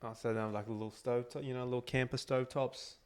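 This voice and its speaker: A man's voice: medium pitch, fairly even intonation, fast talker, a little mellow, clear, resonant tone. A man co-hosting a podcast who jokes, laughs and swears freely as he reacts to the story. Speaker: podcast co-host. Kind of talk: casual banter.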